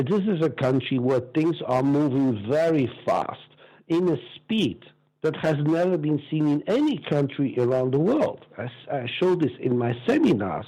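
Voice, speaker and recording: A man in his sixties with a Belgian accent tells stories as an interview guest, emphatic and opinionated, repeating words in an animated conversational way. His mid-range voice is warm with a breathy edge, and the recording is low quality.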